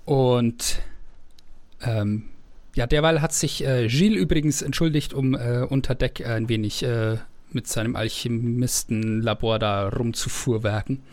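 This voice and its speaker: A man narrating as game master of a tabletop game, often pausing to search for words as he describes the scene. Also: medium pitch, a little mellow.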